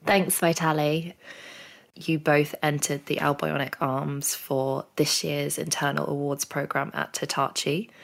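A woman's voice: low-pitched, little pitch movement, a little slow, gravelly. A woman hosting a podcast interview, reading scripted, upbeat introductions. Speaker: podcast host.

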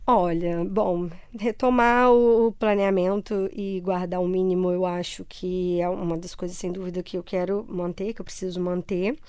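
A woman's voice: fairly low pitch, steady tone, moderate pace, few pauses, darkish tone, clear, resonant tone, dry recording. A Brazilian woman with a carioca accent from Rio, answering conversationally as an interview guest in a reflective, explanatory way. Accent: Brazilian, Rio de Janeiro (carioca). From Ceará, Brazil.

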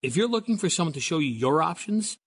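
Husky guy doing a chatty radio ad, highish voice, pretty animated. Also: quick pace. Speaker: mortgage company spokesman. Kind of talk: conversational scripted radio commercial.

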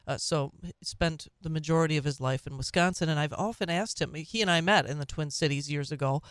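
A woman's voice: sits low, a little fast, no room sound, clean studio sound. A middle-aged woman with a Minnesota accent, chatting about politics as a talk radio host.

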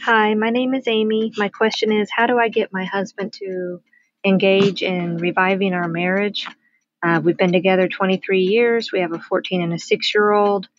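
A woman's voice: medium pitch, steady tone. Stressed woman on a muffled voicemail. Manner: hesitant, halting, with many ums. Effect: played voicemail message. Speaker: caller leaving a question. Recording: dull lo-fi voicemail with faint noise and clicks.

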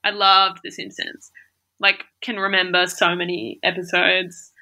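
A woman's voice: fairly low pitch, flat delivery, measured pace, sharp tone. A young woman in casual chat, rambling and laughing often, with many fillers. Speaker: conversation partner.

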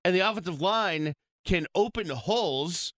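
A sports radio co-host from Boston with a somewhat high, very lively voice. He talks in emphatic bursts and quick asides. The studio mic sounds close and dry. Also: no echo. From Boston, USA. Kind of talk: casual sports radio talk. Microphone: studio microphone.

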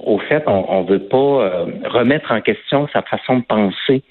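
A man's voice: mid-range voice, animated, moderate pace. A man with a Québécois French accent, a guest giving an interview, talking reflectively and emphatically with many restarts. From Quebec. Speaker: guest, actor. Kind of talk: phone-in interview. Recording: tinny phone line.

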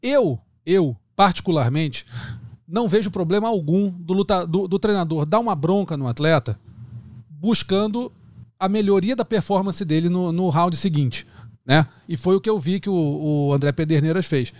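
A man's voice: high voice, normal speed, a little mellow, no echo, clean studio sound. A man with a Brazilian accent hosting an interview who hesitates and searches for his words. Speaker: interview host. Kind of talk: casual interview talk.

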